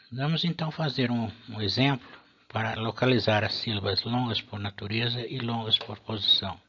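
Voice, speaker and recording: A fairly low-voiced man walks through a language lesson step by step. His tone is bright and forceful, and he pauses now and then to restart a phrase. The recording sounds dull and lo-fi. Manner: patient, methodical, with hesitant restarts. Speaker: Latin teacher. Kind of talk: explanatory video lesson.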